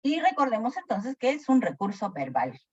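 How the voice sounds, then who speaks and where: A woman's voice: a little high, moderate pace, breathy edge, dry recording. A woman teacher giving a lecture who keeps asking her class questions. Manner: animated, asks the class questions often. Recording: dry, dull lo-fi sound.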